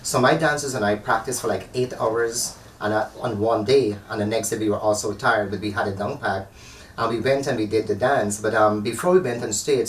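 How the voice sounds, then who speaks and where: A man from Guyana, a dancer, chatting as an interview guest and telling stories with animation. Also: on the low side. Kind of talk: casual interview chat. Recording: echoey room, far from the mic, faint noise.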